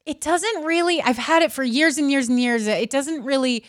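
A woman's voice: high voice, moderate pace. A woman co-hosting a podcast in casual chat, talking candidly and swearing freely. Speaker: podcast co-host.

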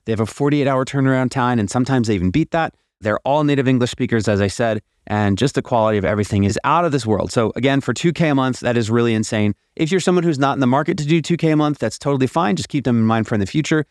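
Male podcast host, mid-pitched, promotional and emphatic, closely dry recording made in an attic. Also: quick pace, few pauses, a little mellow, no echo. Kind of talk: scripted podcast monologue promoting deals. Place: attic of a house.

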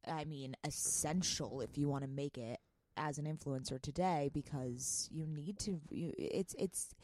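A woman's voice: sits low, unhurried, mellow, a little hiss or hum. A woman co-hosting a podcast in a casual, chatty style. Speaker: podcast co-host. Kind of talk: casual chat.

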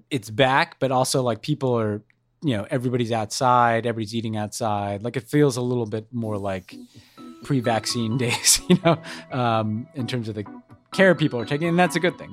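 An American man co-hosting a podcast in casual, informal conversation, often repeating himself and backtracking. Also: medium pitch. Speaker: podcast co-host.

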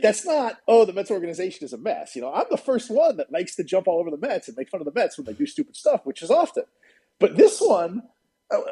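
A man with a very husky, slightly high voice that swings widely in pitch. He chats about sports informally, with opinions delivered in halting bursts and a soft, mellow tone. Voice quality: husky, rough-edged. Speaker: sportswriter guest. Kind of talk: casual sports chat.

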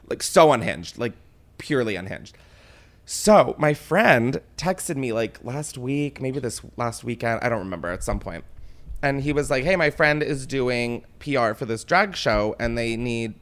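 Animated hungover man, comedic podcast host. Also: mid-range voice. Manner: animated, exclaiming, laughs while talking; dramatic, self-mocking storytelling. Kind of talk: casual comedic podcast chat.

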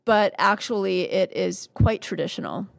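A woman's voice: medium pitch, normal speed, vocal fry, no room sound. Fifty-something woman, dry close mic. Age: 50s. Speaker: podcast host and physician. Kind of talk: casual conversational interview.

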